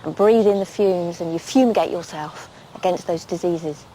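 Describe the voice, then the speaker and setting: A woman's voice: on the low side, normal speed, warm tone, a little hiss or hum, low-quality recording. A woman historian demonstrating objects and explaining them in a practical, matter-of-fact way.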